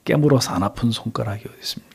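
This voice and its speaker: A middle-aged male pastor preaching a sermon, acting out a father's words in a soft, tender voice and then rising to lively emphasis. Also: mid-range voice, rapid-fire, creaky, a little hiss or hum.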